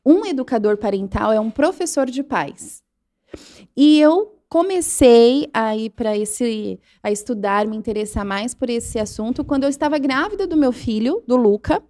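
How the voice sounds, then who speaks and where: A woman's voice: fairly high pitch, expressive, normal speed, warm tone. A woman in her thirties with a Brazilian Portuguese accent, a parent educator who tells her story earnestly as a guest in a podcast studio. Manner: earnest storytelling, acts out quoted lines. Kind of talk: interview conversation.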